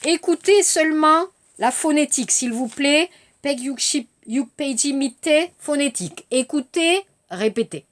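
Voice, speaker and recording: A woman teaching a lesson, speaking slowly and clearly and mixing in Korean glosses. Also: high voice, animated. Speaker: French teacher. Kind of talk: language lesson.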